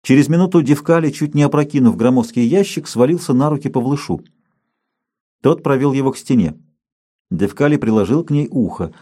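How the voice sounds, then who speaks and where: A man reading an adventure story aloud in measured, even audiobook narration. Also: medium pitch, slightly rough.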